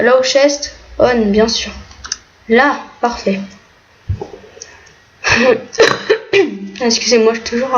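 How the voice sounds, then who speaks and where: A woman giving casual, hesitant commentary while playing a game, with many fillers. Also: fairly high pitch. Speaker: gaming video creator. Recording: muffled lo-fi mic, faint noise, keyboard clicks.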